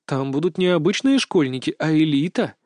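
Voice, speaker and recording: A man voicing a calm, doting grandmother in an audiobook, soothing and gently lecturing. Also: on the high side, brisk, no echo, studio quality, close to an everyday voice. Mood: explaining. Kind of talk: audiobook character voice.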